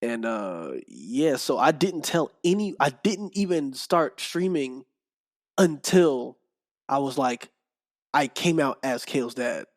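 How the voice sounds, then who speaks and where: A young podcast guest tells stories in casual chat, animated and often laughing as he acts out what people said. His pitch is medium and he takes it slowly.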